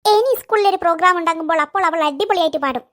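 A woman's voice: very high voice, racing, fairly bright tone. A woman voicing Kunjami, a bossy, self-important elder-sister figure in a cartoon, who scolds and brags. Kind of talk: cartoon voice acting.

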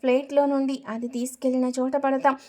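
A woman's voice: high voice, level tone, fairly quick, a little mellow, lightly acted. A woman reading out the lines of a playful young husband who teases his new bride with mock fear. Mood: teasing. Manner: teasing, mock-fearful.

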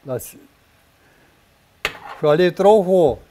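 Elderly Cajun man, slightly high-pitched voice. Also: animated, unhurried, warm tone. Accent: Cajun Louisiana. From Louisiana. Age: elderly, 70s or older. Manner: plain, folksy, short phrases. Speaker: home cook and storyteller. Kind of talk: casual cooking demonstration and storytelling. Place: home kitchen, indoors. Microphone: lapel microphone. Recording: clearly audible room and kitchen noise.

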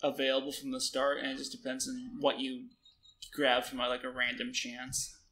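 A young man giving relaxed, halting commentary while he plays a game, with plenty of fillers. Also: mid-range voice. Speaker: gamer. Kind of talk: casual let's-play commentary.

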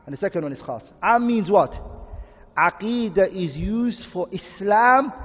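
A man's voice: sits high, animated. Male teacher, quizzes the room often, lo-fi echoey classroom recording. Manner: quizzes students with repeated questions; repeats key terms slowly. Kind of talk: classroom lesson. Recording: dull distant audio in echoey room.

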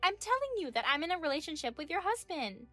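A woman's voice: extremely high pitch, very animated, quick pace, bright, forceful tone, faint music behind, pitched above the performer's own voice, full character voice. A woman voicing a smug young female medical student in her twenties who mocks and talks down to an older wife. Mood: taunting. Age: 20s. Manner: mocking, condescending.

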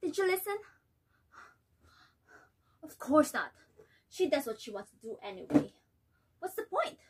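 A woman's voice: sits high, very animated, background noise, voice pushed up, full character voice. A woman playing an angry, wounded mother in a dramatic monologue, theatrical, indignant and despairing. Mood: outraged. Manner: theatrical, indignant, despairing, with drawn-out words and cries. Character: exasperated, angry, wounded mother ranting to her husband. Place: small bedroom, indoors. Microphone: camera a few steps away.

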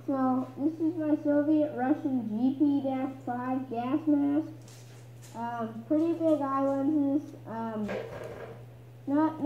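Young woman talking thru a gas mask, high voice, slow, lots of ums, muffled phone-like sound. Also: echoey room, slight background noise. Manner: chatty, many um fillers. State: speaking through a gas mask. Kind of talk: casual show-and-tell.

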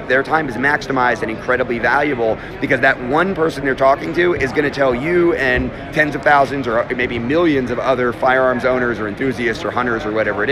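Fast-talking man vlogging at a trade show. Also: medium pitch. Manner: fast, chatty, self-interrupting. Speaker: host. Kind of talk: live walk-and-talk vlog. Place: large indoor trade show hall. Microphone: phone held at arm's length. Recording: busy trade show crowd behind. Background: crowd chatter.

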